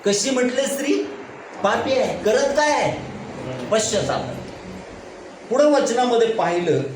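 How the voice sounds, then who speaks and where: Slow high-voiced preacher in an echoey room. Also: male voice, big pitch swings. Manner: asks the congregation questions and answers them himself, repeating "right?". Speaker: pastor. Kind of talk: Bible study sermon with call-and-response questions. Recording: echoey room with background noise.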